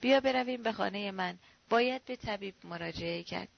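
A woman reads out a middle-aged man pleading with a frightened friend, pitying and insistent by turns. Her voice has a gravelly texture. The recording is dull and dry. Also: mid-range voice, no room sound. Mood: soothing. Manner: pitying, soothing, sometimes roaring.

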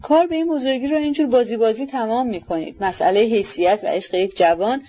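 A woman's voice: on the high side, mellow, husky, lo-fi sound. A woman reading as a flustered, stammering nobleman. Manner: faltering, mumbling.

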